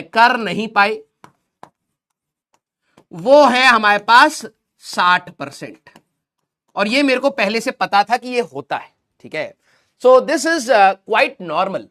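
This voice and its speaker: A male teacher with a sore throat chats casually and affectionately with his students. He speaks a little softly and warmly calls them "beta", mixing in English phrases. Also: extremely high pitch. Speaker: online class teacher. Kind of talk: casual lecture to students, Hindi mixed with English.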